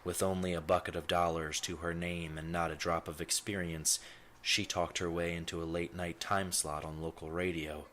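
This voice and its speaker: Over a little hiss or hum, a deep-voiced man performs a scripted first-person monologue as a brooding, self-important thinker, wordy and deadpan throughout.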